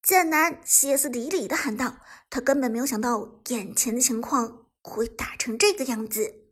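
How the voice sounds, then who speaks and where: A woman reading an esports novel aloud, with lively storytelling that jumps into sudden excitement. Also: fairly high pitch, moderate pace, slightly rough. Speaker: audiobook narrator. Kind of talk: scripted narration of an esports novel.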